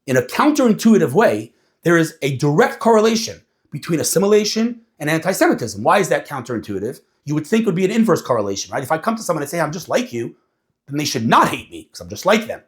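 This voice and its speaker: Man, casual talk, animated and lively, slightly higher voice. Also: quick pace. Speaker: speaker.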